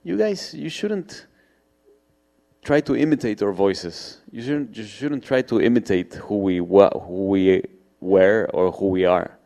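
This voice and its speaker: A man's voice: fairly low pitch, measured pace, hardly any pauses, mellow. A man quoting an older drunk friend who urges him on in a fatherly way, his voice raised a little. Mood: urging. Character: older drunk male friend, warmly encouraging.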